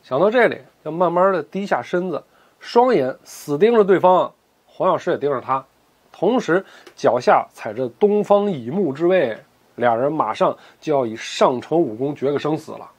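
A male storyteller with a husky, somewhat high voice narrates in a loose, colloquial, joking manner. His pitch moves about lively as he tells the tale. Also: moderate pace.

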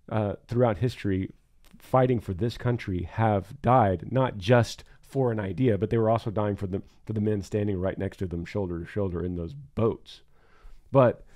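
In casual podcast talk, this co-host's mid-range, dark-toned voice comes across as earnest, emphatic and reflective.

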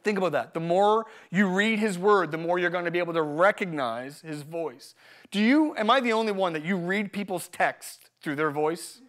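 A man with a high, bright-sounding voice preaches at a live church service. He talks with energy and humor, repeating his main lines so they stick. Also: moderate pace. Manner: energetic, joking, repeats key phrases. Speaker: pastor. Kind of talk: live sermon with personal stories.

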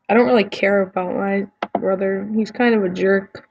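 A woman's voice: medium pitch, steady tone, a little slow, a little mellow, muffled recording, slight background noise. A woman YouTuber chatting casually as she answers quiz questions, giving blunt opinions with frequent ums and restarts.

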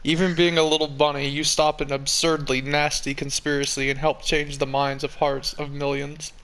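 Embittered male fox acted by a man, bright forceful tone, solemn hammy theatrics, wounded and earnest, comic dramatic reading. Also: on the high side, level tone, normal speed, clean tone, lightly acted, poor audio. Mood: earnest pleading.

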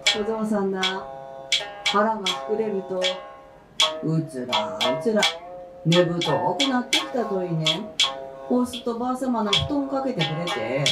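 A woman's voice: mid-range voice, measured pace, loud music behind the voice. Woman telling an old folktale live. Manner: lively, expressive storytelling in dialect. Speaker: folktale storyteller. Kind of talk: live folktale narration with flute and shamisen. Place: concert venue. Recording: roomy live hall with faint instruments. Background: faint traditional instruments.

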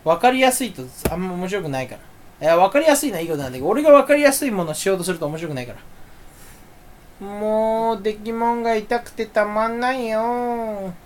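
A man talking to himself in a rambling solo monologue. He is self-mocking and erratic, swinging from loud outbursts to low mutters. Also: big pitch swings, fast, a little hiss or hum. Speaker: solo talk channel host.

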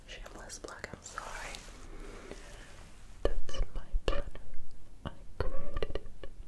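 Woman whispering right in ur ear, slow, a bit rough from the flu. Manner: whispering close to the ear, slow single words. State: voice still rough after flu. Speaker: ASMR creator. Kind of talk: ASMR hearing test roleplay.

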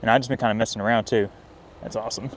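A young man narrating his night fishing trip by a riverbank in a casual vlog style. He gets excitable, whooping and hollering whenever a fish bites. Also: on the low side, rapid-fire, a little hiss or hum. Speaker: fishing vlogger. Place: riverbank near a dam at night, outdoors.

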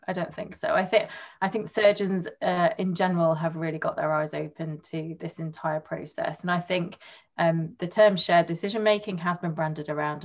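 A woman surgeon answering hesitantly on a webinar panel over a video call. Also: on the low side. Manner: hesitant, many restarts and fillers.

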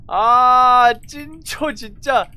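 A woman chatting excitedly while playing a game, grumbling and exclaiming in blunt slang with stifled giggles breaking into her words. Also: on the high side, drawn-out words. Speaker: gamer commentating her own play. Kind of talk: excited casual Among Us gameplay chat.

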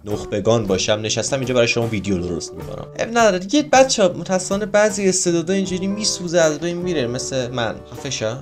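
A man hosting a reaction video in casual commentary, bragging jokingly about how smart he is and teasing himself, with sudden excited outbursts. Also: a little high, few pauses, faint music behind. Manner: mock-boastful, joking and self-teasing.

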